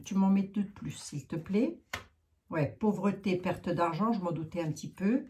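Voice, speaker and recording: A woman's voice: fairly low pitch, normal speed, warm tone, slight background noise. A woman with a Lorraine French accent, reading cards and chatting frankly while thinking aloud with many fillers. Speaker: card reader. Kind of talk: casual card reading monologue.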